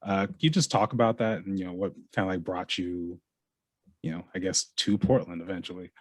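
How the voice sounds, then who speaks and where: Guy hosting an interview, real deep voice, stops and starts a lot, dry close sound. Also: no echo. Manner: halting, lots of "you know" fillers. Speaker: interview host. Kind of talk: casual interview.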